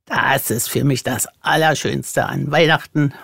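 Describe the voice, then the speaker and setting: A narrator voicing a greedy magpie with a croaky voice. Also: medium pitch, steady tone, a little slow, a bit bright, no echo, clean studio sound, pitched below the performer's own voice, exaggerated voice.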